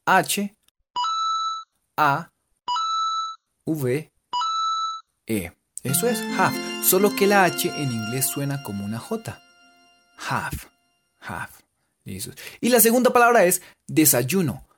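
A man's voice: on the high side, fairly bright tone. A man giving a playful beginner English lesson, spelling words out letter by letter. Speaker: English teacher.

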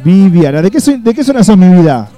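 A man's voice: sits high, very animated, brisk, mellow, no echo, faint music behind. A man with an Argentine accent hosting a radio call-in show, playful and teasing, calling the caller terms of endearment. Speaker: radio host. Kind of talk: lively radio call-in banter. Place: radio studio.

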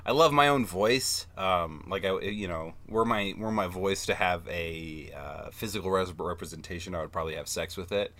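A man's voice: low voice, normal speed, hardly any pauses, bright, forceful tone. A young man co-hosting a podcast in casual chat, joking and swearing, often slipping into silly voices. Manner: joking, profane, slips into put-on voices. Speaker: podcast co-host.

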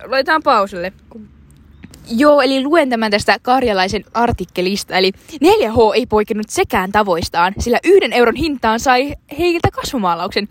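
A woman's voice: fairly high pitch, animated, no room sound. A young woman co-hosting a casual chat, telling rambling, giggly stories full of fillers. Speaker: co-host.

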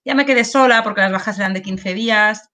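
A woman speaks candidly as an interview guest, circling back on her words and checking in with tag questions. Her voice sits at an ordinary middle pitch, and the talk is emotional and searching. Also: a little fast, sharp tone. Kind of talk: personal testimony in an interview.

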